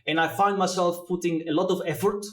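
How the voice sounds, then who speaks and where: A man in his forties, originally from Greece, answers questions about his background as an interview guest. His voice sits slightly high for a man and carries an echo from the room. He pauses often with fillers while he thinks out loud. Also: steady tone. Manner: thoughtful, many filler pauses. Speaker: guest, blockchain educator. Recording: echoey room.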